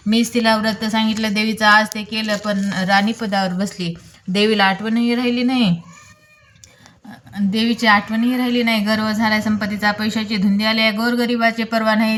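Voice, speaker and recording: A woman's voice: a little high, fairly bright tone, natural voice. A woman reading the lines of an angry old beggar woman, a goddess in disguise, in a scolding, reproachful way.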